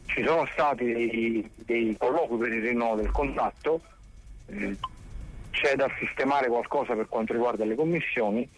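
Reporting on sports by phone with unreliable reception, this male correspondent pauses and repeats words as he thinks things through. His pitch is medium and the recording sounds dry.

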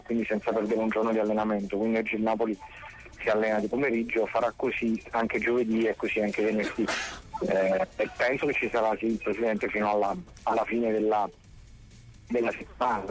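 Man on a phone line, patchy reception, sports correspondent, hesitant, repeats words. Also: fairly low pitch. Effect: phone line with spotty reception. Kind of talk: radio sports report.

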